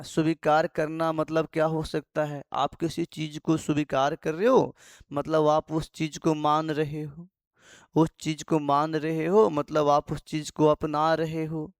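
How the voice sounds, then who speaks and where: A man's voice: fairly high pitch, clean tone, no echo, studio quality. A man teaching English vocabulary in a Hindi lesson, repeating each meaning and asking his students rhetorical questions.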